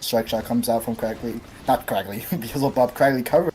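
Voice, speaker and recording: A woman casting an esports match live, excitable and animated, often laughing between plays. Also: extremely low pitch, brisk, slight background noise. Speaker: esports caster. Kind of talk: live play-by-play commentary.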